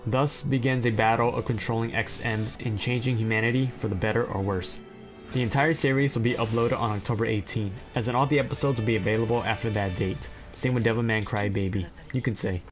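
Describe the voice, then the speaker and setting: A man reads through anime plot summaries at a middle pitch, with faint music under him. He keeps cutting in with blunt, profane, self-deprecating remarks between the synopses. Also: fairly even intonation, fairly quick. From China. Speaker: anime list narrator. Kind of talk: reading anime synopses with casual asides.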